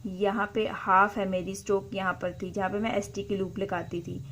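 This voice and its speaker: A woman teaching a shorthand lesson, patiently repeating example words slowly and explaining each step. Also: mid-range voice, little pitch movement, a bit bright, slight background noise.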